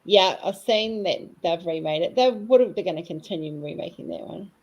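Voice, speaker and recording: A woman's voice: on the low side, animated, a little fast, a little mellow, muffled recording, slight background noise. Chatty cheeky New woman. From New Zealand. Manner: chatty and cheeky, rambling fondly. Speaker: craft vlogger. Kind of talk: casual chat while diamond painting.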